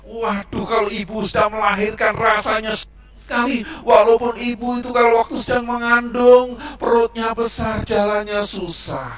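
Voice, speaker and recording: A man teaching Sunday school, telling a Bible story to children with animated, dramatic swings, in an echoey church hall away from the mic. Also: very high-pitched, normal speed, far from the mic, soft background music.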